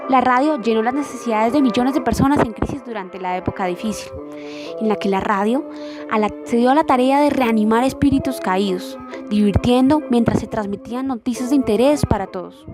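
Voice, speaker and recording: A woman with a slightly high voice reads a scripted documentary narration in a formal manner at a fairly quick pace. Loud music plays behind her voice.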